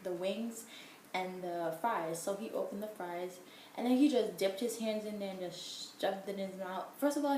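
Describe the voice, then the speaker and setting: A woman's voice: mid-range voice, darkish tone. A young woman telling a casual story in an exasperated, emphatic way, full of filler words. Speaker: vlogger. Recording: echoey room, faint background hum.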